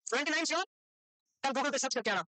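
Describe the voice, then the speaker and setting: A woman's voice: high voice, fast, bright, forceful tone, no room sound. A woman teaching a nursing exam class in a classroom, quizzing her students and scolding them for not knowing the answers. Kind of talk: classroom lecture.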